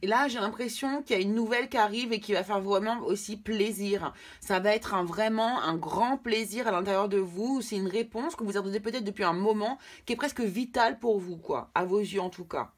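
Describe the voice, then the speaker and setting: A woman's voice: mid-range voice, brisk, hardly any pauses. Hesitant French woman reading tarot cards. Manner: hesitant, repeats words, many fillers. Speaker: tarot card reader. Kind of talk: casual tarot reading video.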